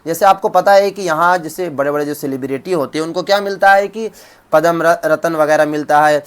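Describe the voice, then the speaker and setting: A man's voice: on the high side, clean tone. Man teaching, answering his own questions. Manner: asks a question, then answers it himself; repeats each definition slowly. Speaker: Urdu teacher. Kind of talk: exam-prep lesson.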